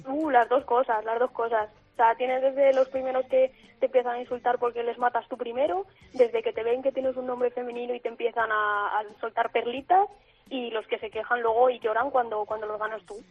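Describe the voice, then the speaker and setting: A woman's voice: fairly high pitch, flat delivery, a little fast, husky. A woman from Spain, a guest gamer on a radio interview, explaining at length with frequent restarts over a phone line. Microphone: telephone.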